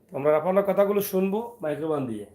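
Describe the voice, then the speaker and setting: A father from Sylhet, Bangladesh, speaks rapidly in a fairly high voice for a man while filming a casual family vlog. He alternates between gently coaxing and teasing his little boy and chatting with his viewers.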